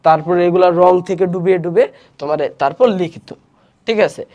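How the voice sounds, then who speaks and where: A man's voice: sits high, quick pace, a little mellow, highs cut off. A young man teaching an online history class, walking through slides and posing questions he then answers himself. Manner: explains slides step by step, asks and answers own questions; many fillers and restarts.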